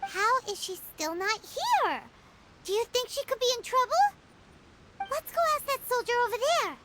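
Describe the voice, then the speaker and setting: A woman's voice: very high-pitched, very animated, moderate pace, a little hiss or hum, heavily acted. A woman voicing a tiny, food-loving companion girl in a video game, with an eager, chirpy and exclamatory manner. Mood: puzzled. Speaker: companion character. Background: loud game soundtrack music.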